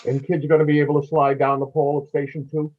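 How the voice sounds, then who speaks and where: A man's voice: on the high side, monotone, fast, narrow, tinny audio. A man asking a committee member friendly, joking questions at a town meeting.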